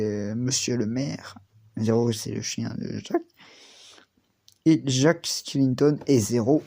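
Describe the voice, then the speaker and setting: A man's voice: medium pitch, mellow. A male YouTuber casually presenting collectible figures, rambling and drifting off topic with many restarts. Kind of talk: casual unboxing vlog.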